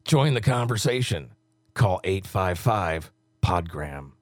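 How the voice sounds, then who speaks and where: A man recording radio station promos in a deep announcer read, joking and laughing between takes. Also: lively intonation, slow, dry recording, studio quality. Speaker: radio voice-over talent recording station liners.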